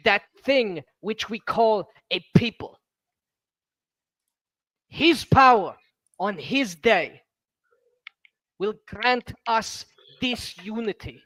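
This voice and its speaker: Casting: male player as zealous warrior orator for tabletop game. High, forceful, declamatory, given to bellowing. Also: no room sound, full character voice. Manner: declamatory, slow emphatic oratory with shouted bursts. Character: fervent bellowing zealot warrior rallying outcasts.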